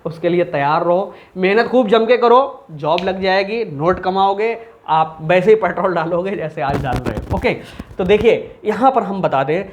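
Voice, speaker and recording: A man's voice: sits high, lively intonation, moderate pace. A male commerce teacher talks through an accounting lesson in an easy, chatty way. He keeps asking the class questions and then answering them himself. A faint hiss sits under the voice. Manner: chatty, asks and answers his own questions.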